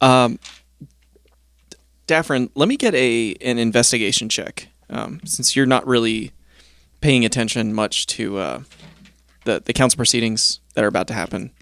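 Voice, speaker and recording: Mid-pitched man running a game, dry sound. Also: moderate pace, long pauses, fairly bright tone, no room sound. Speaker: game master. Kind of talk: casual narration of a tabletop game.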